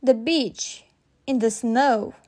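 Casting: unflappable storybook mum pig, voiced by a woman reader, high voice, gentle, reassuring. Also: slow pace. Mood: kindly. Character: kindly, unflappable mother pig.

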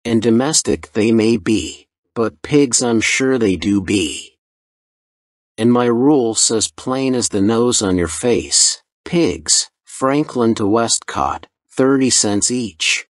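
A man's voice: mid-range voice, animated, slow, no room sound, clean studio sound. A man voicing a stubborn male express agent in a storybook reading, speaking firmly. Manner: firm and stubborn.

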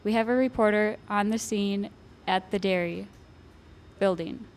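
A woman's voice: medium pitch, unhurried. A young woman anchoring a mock newscast, reading steadily at a news desk. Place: fair news desk set. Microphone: desk mic.

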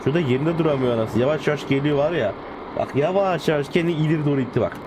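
Guy doing casual gameplay commentary, hyped, jokey, yells at the cars, loud engine noise behind. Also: a little high, very fast. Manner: excitable, joking, talks to the game cars and swears playfully. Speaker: gaming YouTuber. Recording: game car sounds in the background. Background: game engine and car noise.

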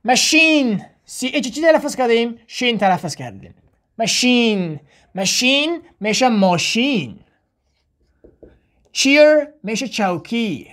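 A woman with an Afghan Dari accent teaching a spoken language lesson, slowly repeating words for drill and asking and answering her own questions. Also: fairly high pitch, big pitch swings, a bit bright. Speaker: English teacher.

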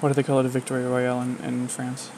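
A man's voice: medium pitch, monotone, fast talker. A man chatting casually while playing a shooter game, crude and joking, laughing often. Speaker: streamer playing with a friend. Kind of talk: casual gaming chat. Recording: loud fan noise behind the mic.

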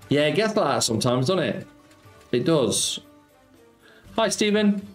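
A man's voice: on the high side, big pitch swings, measured pace. A middle-aged man from Nottingham, live-streaming and chatting casually, reading viewer messages aloud and greeting them with cheeky banter. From Nottingham, England. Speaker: slots streamer. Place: home streaming room, indoors. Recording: echoey room, faint background music.

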